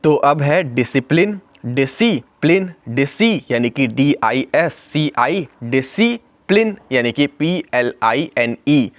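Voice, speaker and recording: A man teaching an exam prep spelling lesson, slowly spelling out words letter by letter. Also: mid-range voice, animated, no room sound.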